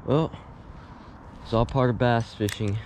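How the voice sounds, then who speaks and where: A man filming himself bass fishing at a pond, talking casually to himself and his companion as he casts. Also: unhurried. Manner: relaxed, mutters to himself while casting. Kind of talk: casual running commentary. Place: grassy pond bank outdoors. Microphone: body-worn action camera. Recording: outdoor action-cam audio with clear background noise.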